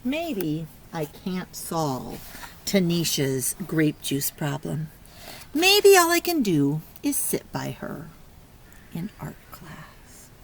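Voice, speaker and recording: A preschool teacher with a low-sitting voice reads a picture book slowly and expressively to young children, exclaiming and asking them questions. She encourages and praises her little listeners, and background noise is clearly audible.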